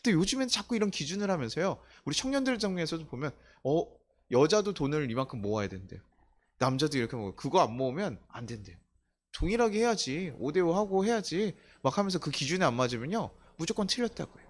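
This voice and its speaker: Middle-aged man, pastor, lively sermon delivery with a wide pitch range; chatty, full of rhetorical questions, acts out quoted voices. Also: fast talker. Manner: conversational preaching with rhetorical questions. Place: church sanctuary.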